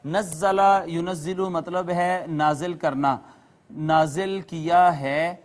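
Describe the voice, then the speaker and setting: A man with a notably high voice gives a recorded lesson to viewers. He explains patiently, word by word, and slows down to recite each term with care. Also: steady tone. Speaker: Quran teacher. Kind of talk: recorded classroom lecture to viewers.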